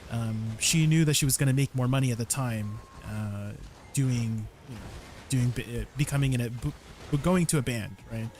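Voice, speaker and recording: A man's voice: mid-range voice, darkish tone, a little hiss or hum. A man live streaming, chatting casually with viewers, telling stories and reading their comments aloud.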